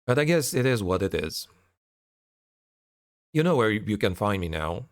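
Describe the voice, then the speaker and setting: A man with a fairly low voice speaks candidly to his online audience. His delivery is frustrated and sardonic, like a creator airing a grievance in an update. The sound is dry, with hardly any room around it. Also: very animated, a little slow, no room sound. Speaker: online narrator and content creator. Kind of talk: candid spoken channel update to viewers.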